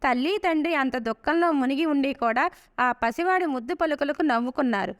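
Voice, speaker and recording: A woman narrating an epic tale in a steady storybook reading voice. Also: high voice, a little fast. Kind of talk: scripted narration.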